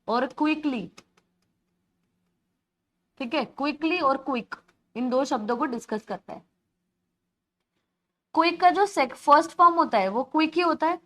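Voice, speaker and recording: A woman teaching grammar in an online exam-prep class, explaining patiently in Hindi mixed with terms, repeating key words and calling her students beta. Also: high voice.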